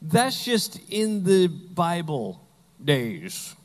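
A man's voice: high-pitched, sing-song, drawn-out words, long reverb tail. A man preaching a sermon as pastor, telling Bible stories with humor and acting out the characters.

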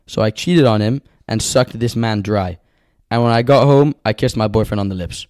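Slangy podcaster, dry close sound. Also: male voice, fairly low pitch, moderate pace, a little mellow, no room sound. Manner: slangy, blunt, repeats phrases for emphasis. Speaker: podcast co-host. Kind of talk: casual banter, reading out anonymous confessions. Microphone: close podcast microphone.

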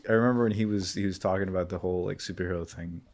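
A young man with a very deep, low voice talks through a casual podcast conversation. He rambles, leans on fillers, and drops profane jokes. The talk sounds loose and unscripted. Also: fairly even intonation, very fast, a little mellow. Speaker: podcast host. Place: indoor room, in person.

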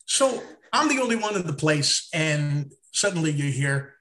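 A man co-hosting a casual chat podcast, telling stories in an animated way and acting out his own confusion. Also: a little high, normal speed. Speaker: podcast co-host.

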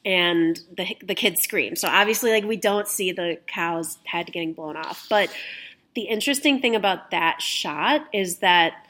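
A woman hosting a casual film podcast, relaxed and sharing researched facts with some casual swearing. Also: fairly low pitch, unhurried. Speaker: podcast host.

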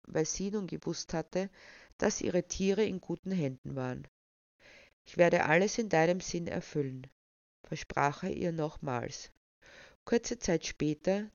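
A woman narrating a story in a measured, calm manner, in a dull, dry recording. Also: lowish voice, creaky, dry recording.

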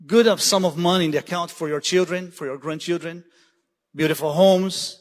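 High-voiced guest preacher, hall reverb. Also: male voice, moderate pace. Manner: urgent, repeats "listen" to drive points home. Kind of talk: sermon. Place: church sanctuary. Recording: long church hall reverb.

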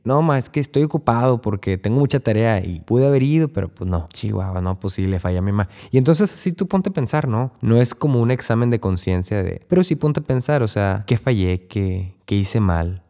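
Laid-back Mexican man, dark mellow voice. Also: on the low side, clean tone. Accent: Mexican Spanish. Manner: chatty, acts out his own inner voice with asides. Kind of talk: casual spiritual teaching.

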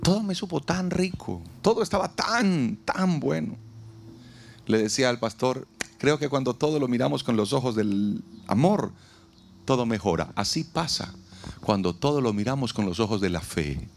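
A man preaching a sermon at an outdoor event, taking dramatic pauses and acting out the lines he quotes. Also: mid-range voice, expressive, gravelly, a little hiss or hum. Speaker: pastor.

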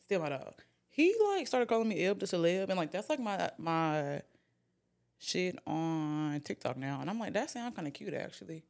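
A woman's voice: on the low side, lively intonation, normal speed, darkish tone. A young woman hosting a podcast, chatting casually, swearing and laughing a lot. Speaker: podcast host. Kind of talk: casual chat.

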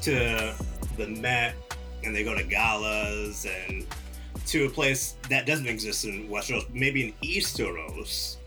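A man co-hosting a podcast with halting, jokey improvised comedy talk. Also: lowish voice, over music. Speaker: podcast co-host. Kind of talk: improvised comedy monologue and banter.

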